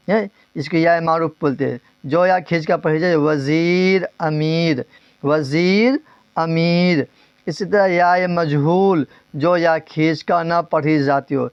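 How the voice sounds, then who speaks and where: A male teacher giving a grammar lesson, asking questions and repeating the answers, drawing some words out slowly and rushing through others. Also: fairly high pitch, clean tone, dry recording, highs cut off. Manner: drills terms, asks and repeats answers; stretches words slowly, then speeds up.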